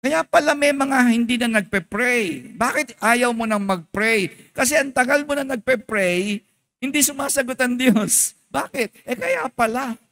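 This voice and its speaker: A man's voice: very high-pitched, unhurried. A male pastor with a Filipino accent preaching a sermon, switching between Tagalog and English and calling out questions to the congregation. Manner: emphatic, animated preaching.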